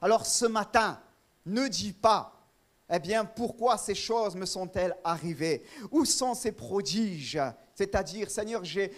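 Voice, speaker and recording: A man's voice: high voice, slow. A man preaching a sermon in a church, fervent and emphatic, with short repeated phrases and frequent amens and alleluias. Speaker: pastor.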